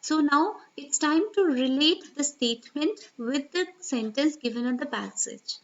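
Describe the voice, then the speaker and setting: A woman with a high voice walks learners through an exam reading strategy, step by step. She keeps checking in with a questioning "right?" as she goes. The recording sounds a little dull and lo-fi. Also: measured pace. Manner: steady teacherly explaining, frequent "right?" check-ins. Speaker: IELTS tutor.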